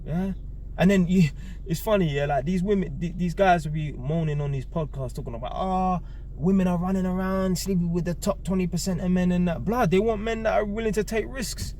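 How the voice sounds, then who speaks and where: A man's voice: high voice, a little fast, mellow, slight background noise. Blunt, emphatic man in his thirties. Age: 30s. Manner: blunt, emphatic, repeats key words, swears freely. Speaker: vlogger. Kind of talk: casual monologue to camera.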